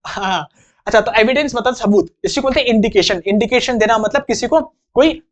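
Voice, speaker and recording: A man's voice: extremely high pitch, fairly quick. A young man teaching an English vocabulary lesson in a chatty, joking way, acting out little examples.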